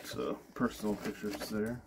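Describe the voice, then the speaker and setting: Sorting through boxes in a cargo trailer, a storage-unit reseller offers casual, offhand narration, thinking aloud with fillers. His fairly low voice holds a steady tone at normal speed, picked up by noisy audio from a body-mounted camera.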